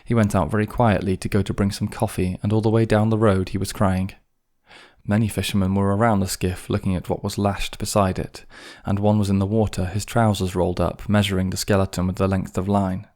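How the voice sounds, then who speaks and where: A man narrates an audiobook in a very deep voice. His delivery stays flat and steady throughout, with little rise and fall. The reading is calm and measured. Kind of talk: scripted narration.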